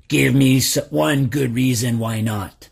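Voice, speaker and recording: A man voicing a big, gruff, demanding male bear in a storybook reading, talking slowly. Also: medium pitch, exaggerated voice.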